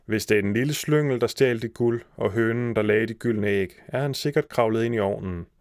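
A giant's wife from a storybook, sly and soothing, gently scolding as she talks her husband round, as a man reading the tale puts her on. She speaks in a close, dry recording. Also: on the low side, no echo, close to an everyday voice. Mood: coaxing. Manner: coaxing, scolding.

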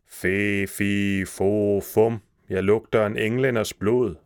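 A man voicing a huge, suspicious male giant in a storybook reading, shouting his demands. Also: on the low side, steady tone, clean tone, dry recording, studio quality, natural voice. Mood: bellowing.

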